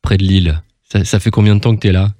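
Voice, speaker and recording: Male interview host, lowish voice, dry close sound, chatty and upbeat. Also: steady tone, fast talker, mellow, dry recording. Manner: chatty, upbeat, repeats himself. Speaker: radio host. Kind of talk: casual radio interview.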